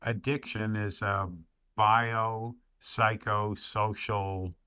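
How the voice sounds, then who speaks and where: A man sits in as a podcast guest and shares his thoughts in a measured way. His voice sits somewhat low, and the sound is dry and close with little room around it. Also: level tone, pushed and bright, clear, resonant tone, dry recording. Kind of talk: casual podcast discussion.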